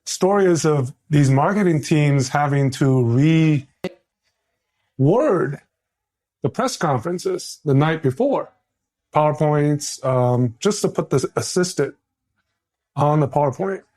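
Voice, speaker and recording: A man co-hosts a casual roundtable talk. He leans hard on the words he wants to stress and pauses with hesitations in between. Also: on the high side, expressive, darkish tone. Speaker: podcast co-host.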